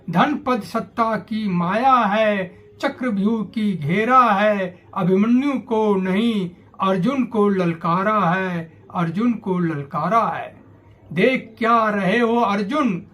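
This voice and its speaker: A man reciting his own poems, measured and deliberate, repeating lines for emphasis. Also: high voice, pushed and bright. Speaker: poet. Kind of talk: slow poetry recitation.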